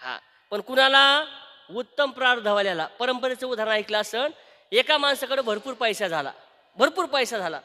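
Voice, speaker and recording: A man's voice: very high voice, lively intonation, moderate pace, bright, forceful tone, long reverb tail. A man preaching a devotional kirtan sermon, singing verses and telling a story while quizzing his audience. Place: live kirtan gathering.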